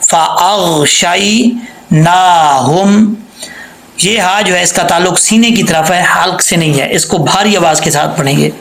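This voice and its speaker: A man teaching Quran recitation rules, spelling out letters and vowel marks and then reciting words slowly and drawn out, sometimes asking and answering his own questions. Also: high-pitched, vocal fry, fairly bright tone, reverberant, low-quality recording. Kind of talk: tajweed lesson with slow demonstrations.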